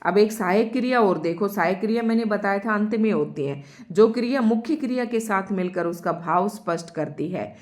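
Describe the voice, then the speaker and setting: With a mid-range, slightly mellow voice, a woman leads students through Hindi grammar online. She addresses them directly, explains each term in steps, and repeats her examples slowly.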